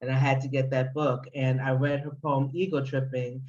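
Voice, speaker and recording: A woman's voice: a bass voice, level tone, moderate pace, a little mellow, dull audio. A woman from the Bronx, New York, a guest poet answering interview questions, thoughtful and a little hesitant.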